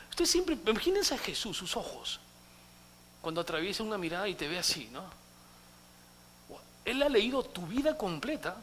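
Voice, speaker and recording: In a church, a male pastor with a high voice delivers a dramatic sermon, acting out quotes and lurching between loud outbursts and hushed asides. There is slight background noise.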